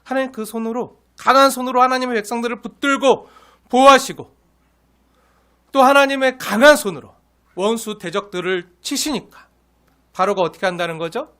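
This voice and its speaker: High-voiced, animated male pastor; preaches and asks questions. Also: normal speed. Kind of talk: expository sermon.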